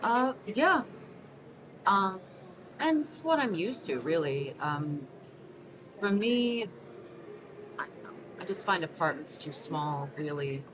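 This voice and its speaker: A Mexico City woman in her 30s, with a lowish and very animated voice, acts the part of a 38-year-old single mother interviewed in a short film. Soft-spoken and self-conscious in character, she answers unheard questions haltingly in a scripted monologue, stumbling through ums and restarts, over a noticeable hiss.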